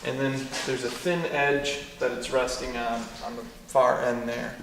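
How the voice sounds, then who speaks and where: A man's voice: mid-range voice, little pitch movement, unhurried. A man working as a tour guide, explaining features informally inside a cave, his voice carrying a cave echo. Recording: echoing cave, distant mic, clear noise.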